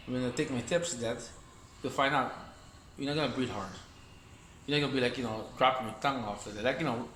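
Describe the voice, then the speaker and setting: Recorded in an echoey room with faint ambience and slight background noise, a man with a mid-range, fairly bright voice teaches Wing Chun loosely, repeating himself and talking through the moves he demonstrates in this casual session.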